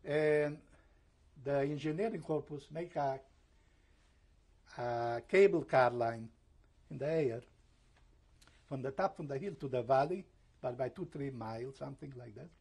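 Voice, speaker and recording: This elderly man, in his seventies, is a Holocaust survivor speaking his testimony in broken, hesitant English at a slow pace. The voice is very husky and gravelly, dark, and somewhat higher than others his age; when words escape him he stops to hunt for them or turns to German and Hebrew.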